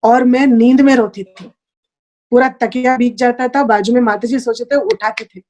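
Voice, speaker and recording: A woman's voice: a little high, steady tone, normal speed, darkish tone. A woman giving an earnest, heartfelt personal spiritual testimony over a video call, slipping in English phrases. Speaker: guest sharing a spiritual experience.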